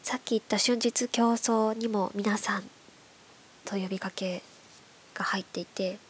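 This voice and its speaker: A woman's voice: medium pitch, steady tone, a little slow. Nasal, congested woman hosting bedtime radio. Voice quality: nasal, stuffed-nose voice. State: congested from hay fever. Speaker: host of a bedtime radio show. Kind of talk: soft, casual late-night radio chat. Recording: clearly audible background hiss.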